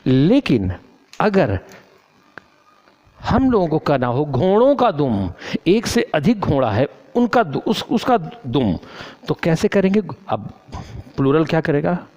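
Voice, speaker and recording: A man's voice: fairly high pitch, sing-song, darkish tone, lo-fi sound. A man teaching a grammar lesson, repeating points and asking and answering his own questions. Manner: slow, repetitive, drills questions and answers aloud. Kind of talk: explanatory lesson in Hindi with English terms.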